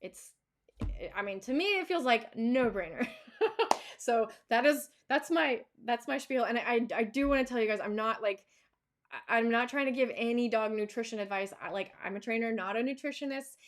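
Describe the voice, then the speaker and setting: A woman's voice: fairly high pitch, normal speed. A woman dog trainer answering viewer questions in a casual live chat, talking loosely with many fillers and restarts and laughing easily.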